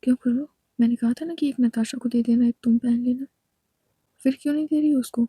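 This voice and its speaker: A woman's voice: high voice, steady tone, normal speed, dark tone, no echo, close to an everyday voice. A woman voicing a bold, teasing young woman who gives orders to her friends. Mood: commanding.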